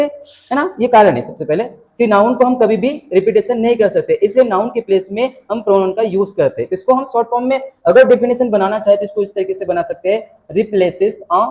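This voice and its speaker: A man's voice: high-pitched, darkish tone. A man gives an exam-prep grammar lesson. He explains step by step, mixes Hindi with English terms and keeps asking rhetorical questions. His speech is patient and explanatory.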